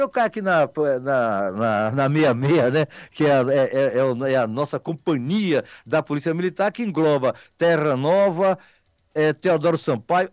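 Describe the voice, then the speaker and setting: A man with a fairly high voice and a Bahian Brazilian Portuguese accent hosts local radio, chatting casually with listeners in a folksy, rambling, teasing way. The recording is muffled and has no room sound.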